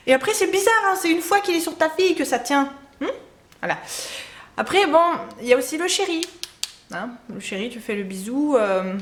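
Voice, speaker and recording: A woman's voice: fairly high pitch, echoey room. A woman giving casual beauty tips to her camera, chatty, with many fillers and frequent laughs. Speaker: beauty vlogger.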